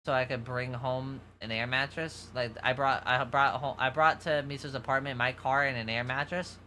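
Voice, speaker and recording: A man's voice: medium pitch, steady tone, moderate pace, pushed and bright, a little hiss or hum. A young man with a New York accent, chatting casually as a streamer, rambling and losing track of his story. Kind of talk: casual chat.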